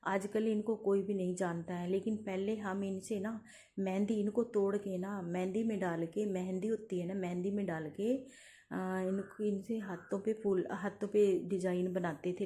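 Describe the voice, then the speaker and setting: A woman walks through open village fields, filming on her phone and chatting in a meandering way as she points things out. Her voice is mellow and fairly flat in pitch. A faint outdoor hum sits behind her. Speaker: vlogger. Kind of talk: casual walking vlog narration.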